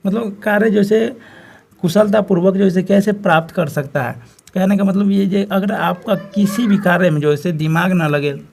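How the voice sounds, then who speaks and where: A male teacher with a Bihari Hindi accent runs an exam-prep lesson, leaning on repeated filler phrases as he explains each answer. His voice sits high and has a rough, gravelly fry. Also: a little mellow. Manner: repetitive filler phrase, addresses students as friends.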